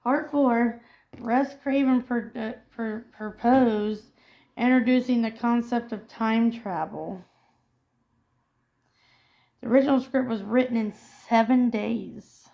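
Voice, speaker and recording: A woman's voice: fairly high pitch, slow pace, gravelly, highs cut off. A woman co-hosting a casual pop culture chat, reading film trivia aloud and often stumbling over and correcting her words. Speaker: co-host.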